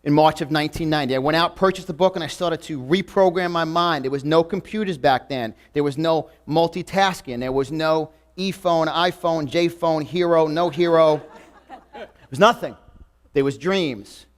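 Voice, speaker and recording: Before a live crowd in an event room, a motivational speaker in his forties with a New York accent talks emphatically and repetitively. His voice sits on the high side, and he keeps a moderate pace.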